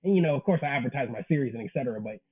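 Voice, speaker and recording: A man in his twenties, a manga creator, chats as an interview guest in a casual interview, earnest and full of slang. His mid-range voice is husky and animated, racing along, and the audio is narrow and tinny.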